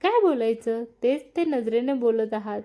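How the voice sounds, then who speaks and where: A woman's voice: fairly high pitch, expressive, normal speed, lightly acted. A woman voicing a firm, caring middle-aged uncle who scolds his wife in a family story read aloud. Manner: firm, scolding, rising to a shout.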